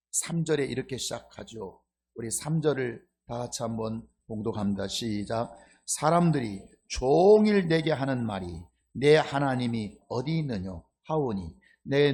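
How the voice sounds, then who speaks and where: A man delivering a sermon as pastor, with a high voice that leaps widely up and down. He drops low for quiet asides, then climbs into loud, fervent preaching. He keeps calling on the congregation to answer amen. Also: husky. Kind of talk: sermon with congregation call-and-response.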